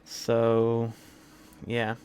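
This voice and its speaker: Hoarse man rambling on a live stream. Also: mid-range voice, completely flat delivery, drawn-out words, darkish tone, soft background music. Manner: rambling recap with many fillers and restarts. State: scratchy, hoarse throat. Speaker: streamer playing a video game. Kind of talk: casual live-stream commentary.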